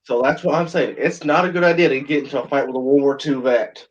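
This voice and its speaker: A man's voice: medium pitch, fairly even intonation, fast. A man hosting a livestream, chatting in a rambling, blunt and crude joking way. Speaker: livestream host. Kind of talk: rambling casual chat. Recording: dull lo-fi sound.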